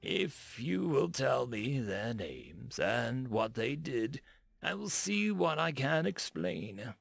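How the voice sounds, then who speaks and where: Man playing a calm, dignified human envoy. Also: medium pitch, creaky, no echo, heavily acted. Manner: calm, measured, slow.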